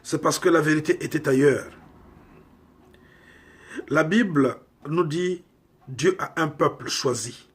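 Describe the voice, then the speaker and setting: Slow husky male preacher. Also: fairly high pitch. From Congo. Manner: slow, emphatic preaching with rhetorical questions. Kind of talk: sermon.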